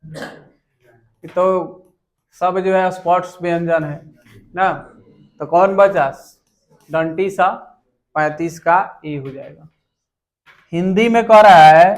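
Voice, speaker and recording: A young man teaches in a high voice. He reads each exam question slowly and repeats it before giving the answer.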